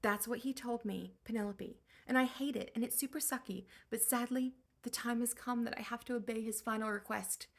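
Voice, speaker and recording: A woman's voice: a little high, fairly even intonation, fairly quick, hardly any pauses, voice pushed up. A woman voicing a sassy, fed-up queen who bosses people around in snarky modern slang.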